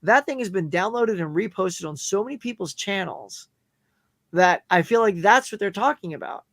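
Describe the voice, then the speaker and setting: A middle-aged man, guesting on a YouTuber's live stream chat, tells stories with animated energy, acting out other people's lines. His notably high voice sounds strained, as though he's losing it, and he speaks at a moderate pace. The sound is close and dry with no room echo.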